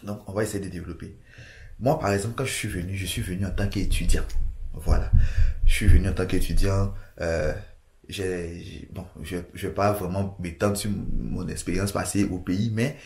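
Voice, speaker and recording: A man's voice: deep voice, steady tone, moderate pace, darkish tone, reverberant. A man from Côte d'Ivoire giving casual immigration advice to camera, hesitant, with many restarts and fillers.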